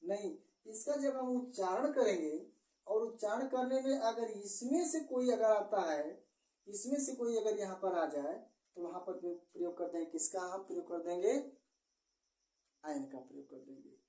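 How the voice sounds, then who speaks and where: A woman teaching an exam-prep grammar lesson, slowly explaining, posing questions and answering them herself. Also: mid-range voice, mellow, recorded from a distance. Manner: slow, explanatory, asks and answers own questions. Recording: echoey room, voice away from the mic.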